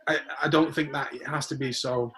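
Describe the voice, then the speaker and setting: A man's voice: medium pitch, fairly even intonation, a little fast, a bit bright. A man hosting a casual interview, blunt and opinionated, swearing freely. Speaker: host.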